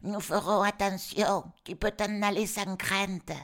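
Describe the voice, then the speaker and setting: A man voicing a bunch of cheeky young goat kids in a comic storybook reading, loud and mocking. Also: sits high, steady tone, unhurried, voice pushed up. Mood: reassuring. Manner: cheeky, shouting, slangy.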